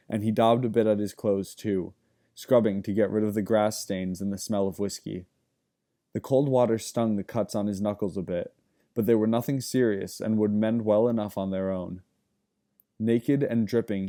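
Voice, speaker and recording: A man reading a fantasy novel aloud in calm, even narration. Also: on the low side. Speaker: audiobook reader. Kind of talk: scripted narration.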